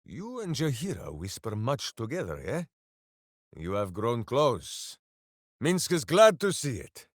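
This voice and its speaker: A man delivers video game lines as a simple, good-natured, not-so-bright warrior hero who calls himself by name in the third person. His mid-range voice swoops wildly in pitch at a measured pace, theatrical and boisterous while staying earnest. The audio is dry, studio quality.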